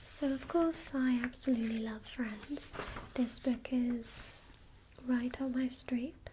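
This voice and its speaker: A helpful female librarian, acted by a woman speaks in whispered role-play, a gentle and breathy library whisper. Her delivery is very unhurried and mellow, with faint noise behind it. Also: on the high side, steady tone, rough recording. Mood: gentle, hushed. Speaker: ASMR performer.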